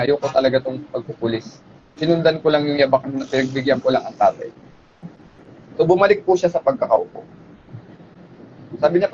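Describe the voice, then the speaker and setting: A man's voice: fairly high pitch, darkish tone. A man telling a story in a polite, conversational way, often checking in with his listeners. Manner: polite, with frequent tag questions. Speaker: speaker retelling a police hostage story. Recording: muffled lo-fi with faint background noise.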